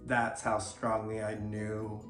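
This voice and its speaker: A man's voice: on the low side, monotone, slow pace, fairly bright tone. A man co-hosting a couple's vlog, telling a personal story in an earnest, hesitant way. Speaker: co-host of a couple's channel. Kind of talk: casual chat, personal story. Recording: echoey room, faint music.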